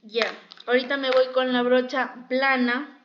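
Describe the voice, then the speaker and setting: A woman leads a makeup class, walking students through each step and circling back to repeat herself. Her voice sits high and stays fairly level. The sound is dull and lo-fi. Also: level tone, unhurried, slight background noise. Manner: explanatory, repeats herself often. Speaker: makeup instructor.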